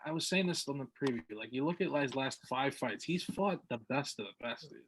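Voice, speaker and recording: A podcast co-host covering combat sports chats loosely about fights, his mid-range, slightly bright voice lively in intonation and a little fast. There's a faint hiss or hum, and he rambles, restarts his lines and fills pauses with fillers.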